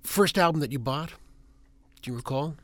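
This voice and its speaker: A man's voice: on the high side, moderate pace, no echo. A man hosting a radio music show, asking his guest easygoing, curious questions in a studio. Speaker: radio host. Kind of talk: casual radio interview.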